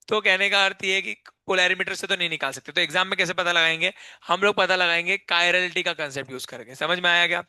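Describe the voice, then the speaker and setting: A man's voice: sits high, pushed and bright, clean tone, dry recording. A male chemistry teacher giving a live class lecture, keeps quizzing students and repeating key terms back as questions.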